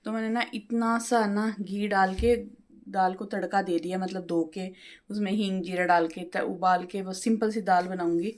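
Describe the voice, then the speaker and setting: A middle-aged woman vlogger chatting at home, talkative and quick with her words. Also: mid-range voice, fairly even intonation, a little mellow. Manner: talkative, fast-talking. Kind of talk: casual home vlog chat. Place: home, balcony and kitchen.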